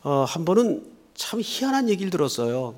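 A male pastor preaching a sermon, telling stories in an earnest, animated way. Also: on the high side, fairly quick.

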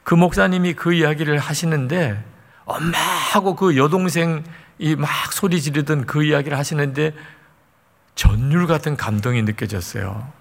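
Gravelly-voiced male preacher, echoing hall. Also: a little high, moderate pace. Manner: emotive, acts out quoted voices, drops to near whispers. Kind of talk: sermon storytelling. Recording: long hall reverb.

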